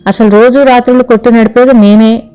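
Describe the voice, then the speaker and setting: A woman's voice: fairly high pitch, fairly even intonation, a little fast, warm tone, smooth, pitched above the performer's own voice, close to an everyday voice. A woman voicing a regretful young man who keeps a tea stall, talking in a plain, aggrieved way.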